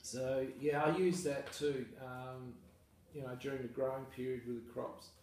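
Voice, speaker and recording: Australian male farmer, relaxed self-deprecating interviewee, distant mic in a very echoey space. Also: medium pitch, normal speed. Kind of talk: casual interview. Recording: echoey room, mic far off, faint noise.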